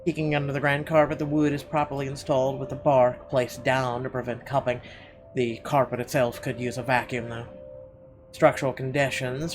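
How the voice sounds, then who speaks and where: Here a man hosting a gaming video reads out the game narration and reacts in a casual, irreverent, profane way. His voice sits in the mid range, the background is noisy, and game music plays clearly behind him.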